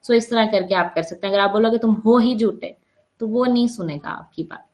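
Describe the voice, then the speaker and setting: A woman's voice: medium pitch, quick pace. A woman with a Pakistani Urdu accent teaching an online workshop, explaining step by step, mixing English terms into her Hindi-Urdu and often checking in with her listeners. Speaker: psychology workshop trainer.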